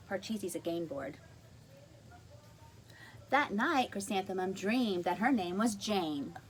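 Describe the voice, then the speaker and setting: A woman reading a picture book aloud to young children, gently explaining words and adding asides. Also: medium pitch, slight background noise.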